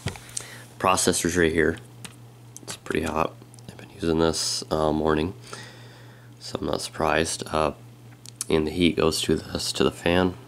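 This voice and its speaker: A man who is a bit sick, giving a casual, halting walkthrough of his laptop as a tech vlogger. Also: a bass voice, flat delivery, fairly bright tone, slight background noise. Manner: halting and unhurried, with frequent pauses. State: sick, with a slightly strained voice. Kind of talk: casual hands-on product walkthrough.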